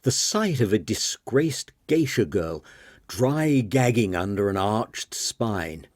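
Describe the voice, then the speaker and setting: A male audiobook narrator with a lowish voice and a dramatic, expressive reading. He takes his time and swings his pitch widely through the sentences. The recording is close and dry. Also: slow pace, dry recording. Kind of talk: scripted narration.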